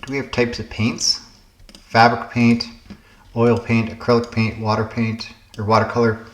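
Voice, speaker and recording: A man's voice: mid-range voice, completely flat delivery, normal speed, roomy sound. A man hosting a puzzle game channel, casually thinking aloud through word puzzles, musing and hesitating as he guesses.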